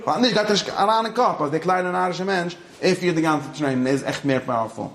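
A man's voice: on the high side, a little fast, creaky, a bit bright, roomy sound. A man giving an informal religious lecture, moving between Yiddish and English and often checking that his listeners follow. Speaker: religious teacher.

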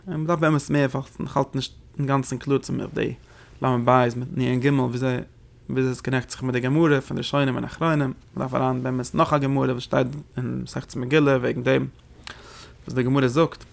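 Gravelly-voiced man teaching a text lesson. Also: medium pitch, fairly even intonation. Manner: rapid explanatory delivery with rhetorical questions. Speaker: Torah teacher. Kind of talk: lecture explaining religious texts.

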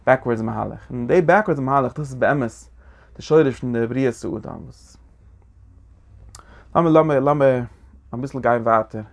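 A man teaching a lecture on a religious text, talking in halting phrases that he often repeats and restarts. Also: mid-range voice, gravelly.

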